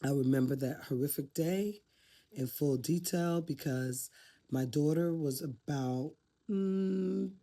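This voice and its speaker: A woman's voice: low voice, takes it slowly, dark tone. An older woman talking to camera off the cuff, reflective and heartfelt as she shares life advice. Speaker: vlogger giving life advice. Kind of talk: casual unscripted talk to camera.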